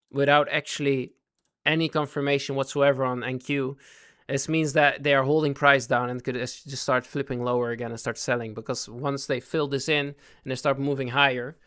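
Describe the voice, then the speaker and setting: Here a man's medium-pitched voice sounds clear, resonant and a little bright as he gives casual live commentary on his trades. His voice is going, and he talks haltingly, says things twice, and keeps checking that his chat audience is following along.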